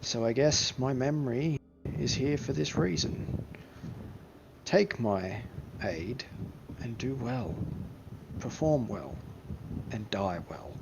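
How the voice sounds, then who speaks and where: A man voicing a solemn, commanding otherworldly spirit, speaking slowly and formally in a portentous manner. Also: mid-range voice, vocal fry, background noise. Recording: dull recording under loud music.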